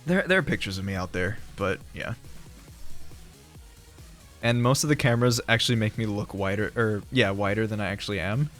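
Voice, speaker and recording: A young man livestreams, casually talking with viewers and reading the chat aloud, rambling, laughing often and swearing freely. His voice is lowish and fairly bright, and he speaks rather quickly but pauses often; faint music plays behind him.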